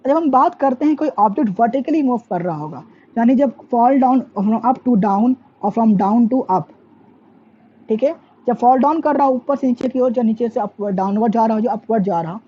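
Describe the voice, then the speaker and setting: A woman's voice: fairly high pitch, warm tone. Lo-fi recording of a woman teaching physics. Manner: asks questions and answers them herself; mixes English terms into Hindi. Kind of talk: classroom lecture. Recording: dull lo-fi sound with faint background noise.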